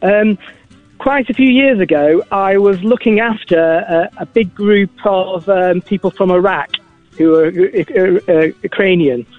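Halting man calling in over the phone. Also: high voice, soft background music. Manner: halting, full of "uh" and "um". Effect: heard over the phone. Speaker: caller. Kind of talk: casual phone-in chat. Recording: dry, tinny phone line.

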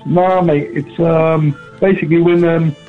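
A man's voice: on the high side, a little slow. A man calling in to a radio show over the phone, chatting casually with lots of hesitations. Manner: relaxed, hesitant, lots of ums. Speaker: caller. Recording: tinny phone line, faint music.

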